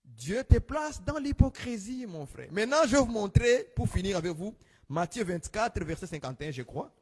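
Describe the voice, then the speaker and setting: A man preaching an exhortation, swinging between shouted rebukes and quiet asides. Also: sing-song, moderate pace, slightly rough. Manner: exhorting, rising into shouts then dropping low. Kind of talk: sermon. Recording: long hall reverb.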